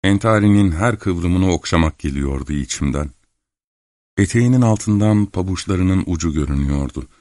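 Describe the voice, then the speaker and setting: A man calmly narrating a literary novel in the first person as an audiobook reader. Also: deep voice, dry recording, studio quality. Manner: calm, measured storytelling.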